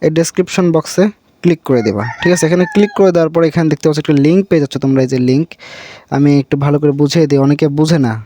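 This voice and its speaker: Talking rapid-fire in a mellow, high-ish voice, a Bangladeshi man runs an offhand, unscripted app tutorial. He says things more than once, calls his viewers brother, and checks in with them again and again.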